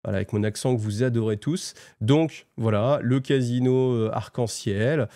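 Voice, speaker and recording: Gravelly, dark-voiced French man chatting casually. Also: medium pitch, moderate pace, dry recording, studio quality. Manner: chatty, joking, many fillers and restarts. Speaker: host presenting new tabletop game releases. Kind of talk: casual, animated product roundup.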